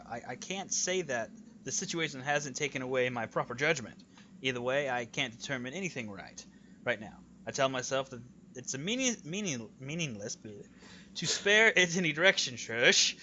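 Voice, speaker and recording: A man reads a visual novel aloud in a laid-back read-along, sometimes tripping over words and teasing his co-reader. His voice is bright and a bit high, with a lively, animated pitch. It comes through a dull, lo-fi microphone. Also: slight background noise. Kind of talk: casual read-along with banter.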